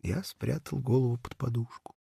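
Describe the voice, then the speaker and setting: A man narrating a humorous short story as an audiobook, in a measured storytelling manner that sinks to a murmur. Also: medium pitch, vocal fry, warm tone, slightly rough, no echo, studio quality.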